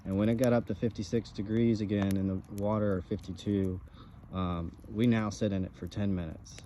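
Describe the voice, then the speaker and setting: A man in a casual, halting conversational chat, speaking as a co-host. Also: lowish voice, steady tone, dark tone. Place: outdoors by a campfire. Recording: outdoor ambient background noise.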